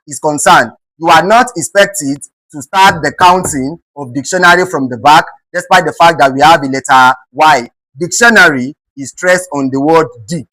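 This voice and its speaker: A man with a Nigerian English accent teaching an exam-prep lesson, asking rhetorical questions and repeating words slowly. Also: sits high, sharp tone, dry recording, poor audio.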